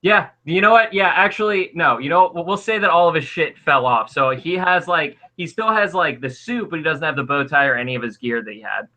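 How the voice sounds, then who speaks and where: A man's voice: on the high side, a little fast, hardly any pauses, sharp tone. A man narrating a tabletop game as game master, casual and rambling with lots of filler words.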